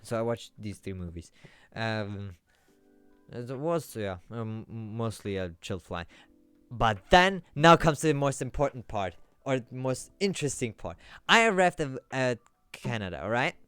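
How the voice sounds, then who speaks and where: A man's voice: mid-range voice, animated, measured pace, fairly bright tone, clear, resonant tone, no echo, faint music behind. A man streaming live, telling a rambling story to his chat with lots of restarts that builds up as he goes. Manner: rambling, with many restarts, growing more worked up.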